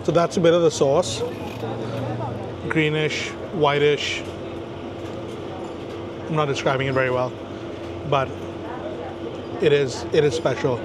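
A man's voice: a little high, takes it slowly, long pauses, background noise. A man in his thirties from India, casually reviewing sandwiches to camera on an outdoor café terrace, tasting and reacting aloud as he goes. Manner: chatty, relaxed, tastes and reacts aloud. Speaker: food vlogger. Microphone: camera-mounted shotgun mic.

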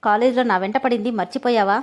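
A jealous young woman with a sharp, mocking tongue, put on by a female storyteller. She scolds and jeers in a fairly high voice, and every line has a biting edge. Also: steady tone, fast, natural voice. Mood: sarcastic.

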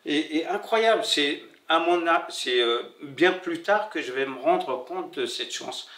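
Fairly high-pitched, animated and a bit bright, a middle-aged Moroccan man recounts his own story as an interviewed bookseller. Having learned French late, after settling in France, he speaks haltingly with many pauses and repetitions. The setting is a bare-walled indoor room where he sits, with roomy echo and a slightly distant mic.

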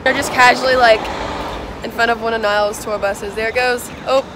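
Chatty young woman over loud street noise. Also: a little high, moderate pace. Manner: chatty, excitable, lots of "like". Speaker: vlogger. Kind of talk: casual vlog narration. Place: outdoors in city streets and in a car. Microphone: handheld camera.

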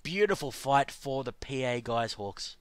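A man doing fast play-by-play commentary on a video game match, his voice worn from calling, rising sharply when the action heats up. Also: medium pitch, smooth, dry recording. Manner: fast, excitable play-by-play with sudden rises. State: losing his voice. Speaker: esports caster.

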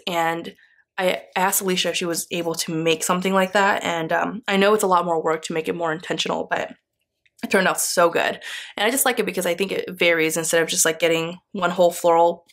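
A young woman with a slightly low voice gushes over her sticker haul in an excitable, chatty way. She keeps laughing and squealing with delight, talking straight to her viewers in a casual vlog style. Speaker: planner vlogger.

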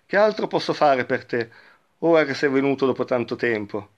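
A man's voice: mid-range voice, animated, brisk, dull audio, natural voice. A man voicing a loving, generous old tree as he reads a parable aloud, in a tender, pleading way. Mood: eager.

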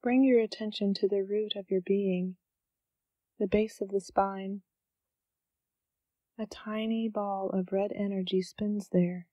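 Gentle, calm instructions with unhurried pauses come from a woman leading a scripted guided meditation. Her pitch is medium, and there's no echo.

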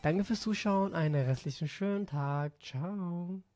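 A man's voice: sits high, expressive, moderate pace. Male gaming vlogger, casual, slangy, offhand, faint music behind. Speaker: gaming YouTuber. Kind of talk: casual vlog, reading out messages.

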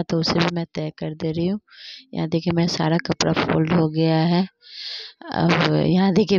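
A woman's voice: low voice, darkish tone, highs cut off. A young woman narrating her evening routine in a family vlog, walking through each chore step by step. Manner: plain step-by-step narration, repeats "dekhiye". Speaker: family vlogger.

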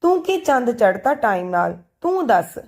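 A woman's voice: fairly high pitch, normal speed. A woman voicing a cheeky, joking best friend. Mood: playful. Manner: playful, joking and lively.

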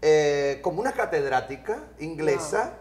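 Cuban-accented male host, higher pitch, encouraging, roomy echo. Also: sing-song, measured pace, a little mellow. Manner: supportive, repeats phrases. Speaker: host interviewer. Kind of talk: casual interview.

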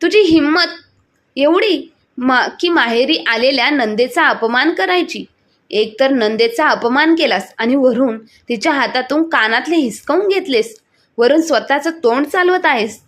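A woman voicing an angry, domineering older mother-in-law who scolds in a shrill, bossy way. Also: animated, unhurried. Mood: furious.

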